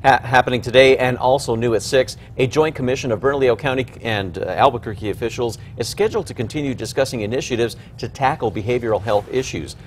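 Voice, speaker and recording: A man's voice: medium pitch, quick pace, few pauses, slight background noise. A man anchoring television news, reading scripted stories.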